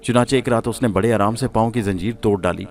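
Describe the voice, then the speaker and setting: A man reading a suspense horror serial aloud as a storyteller, in a steady, measured way. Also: lowish voice.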